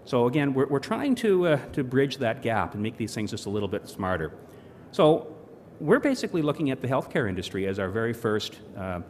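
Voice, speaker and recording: A man's voice: medium pitch, a little mellow. A man giving a conference presentation, rambling with many fillers and restarts and dry asides. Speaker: corporate presenter. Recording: long hall reverb, faint noise.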